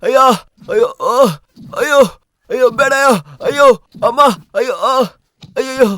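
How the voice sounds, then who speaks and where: A man's voice: very high voice, steady tone, fairly quick, a bit bright, smooth. An actor playing a man who is being beaten and cries out begging for mercy. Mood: pleading. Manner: pleading, crying out in pain. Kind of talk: Kannada film dub.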